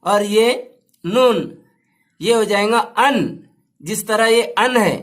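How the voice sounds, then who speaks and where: A male teacher, slowly spelling out words and repeating each sound for his students. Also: sits high. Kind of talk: slow step-by-step language lesson.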